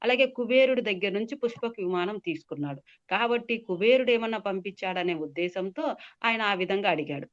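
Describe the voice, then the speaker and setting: A woman telling a devotional epic story, explaining words as she goes and pausing with many fillers. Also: medium pitch, animated. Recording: dull lo-fi sound.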